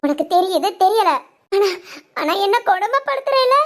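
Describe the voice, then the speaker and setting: Two sentences: a very high-voiced young wife, squabbling with her husband and playing up every grievance. It is a Tamil family cartoon, with the role taken on by a woman doing the voice. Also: lively intonation, normal speed. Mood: aggrieved. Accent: Tamil Nadu Tamil. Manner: bickering, dramatic. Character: sharp-tongued young wife, theatrical complainer. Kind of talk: cartoon voice acting.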